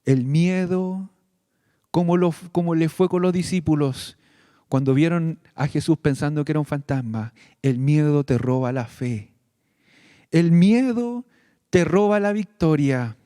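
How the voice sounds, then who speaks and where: A man's voice: fairly high pitch, warm tone, clear, resonant tone, no echo, studio quality. A male pastor giving a sermon, speaking earnestly and directly to his congregation. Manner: slow, earnest preaching addressing the congregation directly.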